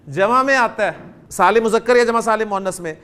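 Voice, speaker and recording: A man's voice: high-pitched, pushed and bright, clean tone. A man from Pakistan, giving a classroom grammar lecture and drilling students with questions. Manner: deliberate, drills students with questions, spells out sounds slowly. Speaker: Arabic grammar teacher.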